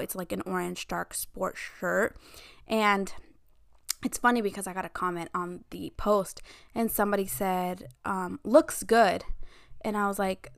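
A woman's voice: mid-range voice, gravelly. A young woman in her twenties hosting a casual personal podcast, chatting freely with lots of "like" and acting out quoted voices. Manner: chatty, heavy use of "like", acts out quoted voices. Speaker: podcast host.

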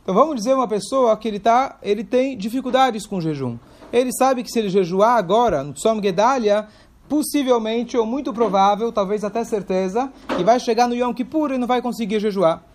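A man's voice: sits high, brisk, darkish tone. A man teaching a Torah class, explaining step by step and asking questions aloud to his listeners. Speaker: religious teacher.

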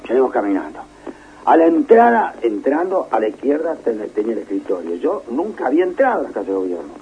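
A storytelling older Uruguayan man with a very animated voice that leaps up and down as he plays every part in his tale. The recording is slightly muffled and lo-fi. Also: mid-range voice, fast talker, slight background noise. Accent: Uruguayan Spanish. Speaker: radio broadcaster telling anecdotes. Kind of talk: storytelling in casual chat.

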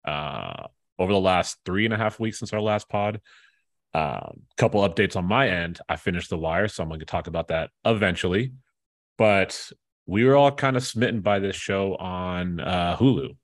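Male podcast host, low voice, laid-back, casual, lots of ums. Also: lively intonation, normal speed. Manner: laid-back, frequent "um" fillers. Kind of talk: casual chat.

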